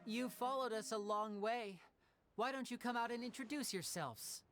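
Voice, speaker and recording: A woman's voice: on the high side, moderate pace, fairly bright tone, natural voice. Actress as composed, watchful female adventurer. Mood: wary. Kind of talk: video game voice acting. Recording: music behind the voice.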